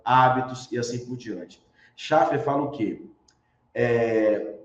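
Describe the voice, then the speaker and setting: A man's voice: medium pitch, a little mellow. A man with a Brazilian accent giving a university lecture, explaining as he goes and asking questions he then answers himself. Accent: Brazilian Portuguese. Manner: explanatory, poses rhetorical questions, frequent tag questions. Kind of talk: recorded online lecture. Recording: echoey room, dull lo-fi sound.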